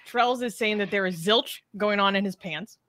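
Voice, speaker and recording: A woman's voice: medium pitch, moderate pace, fairly bright tone, a little hiss or hum. A woman co-hosting a casual livestream chat, reading comments aloud, chatty and giggly with many fillers. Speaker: co-host reading live chat.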